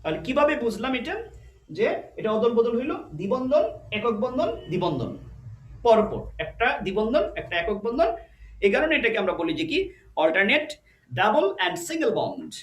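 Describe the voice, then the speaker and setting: A man's voice: very high voice, very animated, brisk, roomy sound. A man teaching a chemistry lesson at a board, explaining step by step and asking and answering his own questions, with English terms mixed into his talk. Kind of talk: online lecture at a board.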